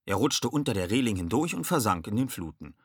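A man narrating a children's audiobook in a lively, expressive reading. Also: lowish voice, brisk, slightly rough, no echo, clean studio sound.

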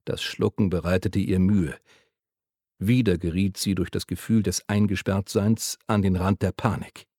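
A man reading a novel aloud in a calm, measured narration. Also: low voice, no room sound, clean studio sound. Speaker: audiobook narrator. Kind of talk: scripted narration.

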